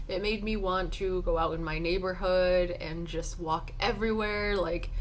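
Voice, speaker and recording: Casting: female book vlogger, mid-pitched, slight lisp, casual rambling chat, faint noise behind. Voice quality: slight lisp from new braces. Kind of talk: casual chatty book wrap-up to camera.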